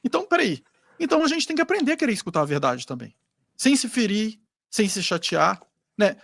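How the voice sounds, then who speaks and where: A man's voice: high voice, big pitch swings, a little fast, creaky, fairly bright tone, no room sound. A Brazilian man giving a casual spiritual talk, rambling and acting out bits of dialogue as he goes. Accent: Brazilian Portuguese. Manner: rambling, acts out quoted dialogue. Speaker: spiritual group speaker.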